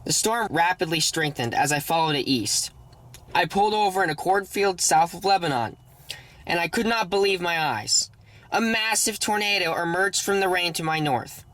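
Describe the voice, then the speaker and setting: A man's voice: on the high side, bright, forceful tone, dry recording. A man narrating a storm-chasing vlog in an earnest, solemn manner, in the style of a scripted voice-over. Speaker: storm chaser, video host.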